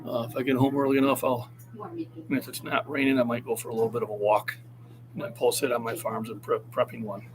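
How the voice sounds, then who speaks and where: A fitness coach in his sixties talks casually on a livestream, encouraging viewers to stay active in a motivational way. His mid-range voice moves little in pitch and comes quickly, and the audio quality is poor.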